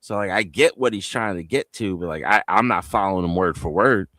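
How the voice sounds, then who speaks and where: This deep-voiced New Jersey man talks a little fast, with a bright, forceful tone and no echo, on a home video-call mic. During a casual livestream panel, he rambles through loose, profane stories.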